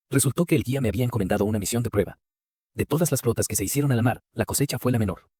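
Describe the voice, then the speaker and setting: A man narrates a story recap at a rapid clip in a low, husky voice. The recording is dry and close, with no room sound, and his read stays brisk and even from line to line. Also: dry recording.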